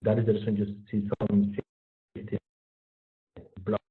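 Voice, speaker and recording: A man's voice: on the low side, completely flat delivery, measured pace, narrow, tinny audio. A man giving a step-by-step technical presentation over a conference call, his audio breaking up and chopping. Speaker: meeting presenter. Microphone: remote call connection.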